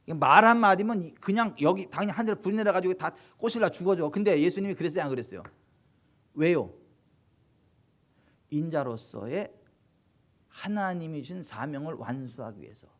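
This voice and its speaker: A male pastor in full preaching mode, his voice sitting a little high for a man. He drives his points home with rhetorical questions. He moves from ringing exhortation to quiet, low-spoken passages. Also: animated, moderate pace, long pauses. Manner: swings between loud exhortation and hushed low delivery. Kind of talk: Korean sermon at a Friday late-night service.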